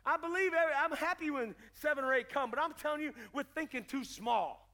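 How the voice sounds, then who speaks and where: A middle-aged man pastor preaching a sermon in a church, building to shouts and calls for the crowd to answer. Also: very high-pitched, a little fast. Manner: preaching with rising shouts and call-and-response. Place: church sanctuary.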